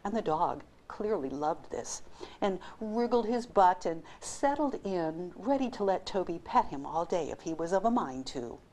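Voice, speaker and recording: Woman storyteller, lower-pitched, expressive and playful with asides. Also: moderate pace. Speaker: voice-over actor. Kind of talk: storytelling narration.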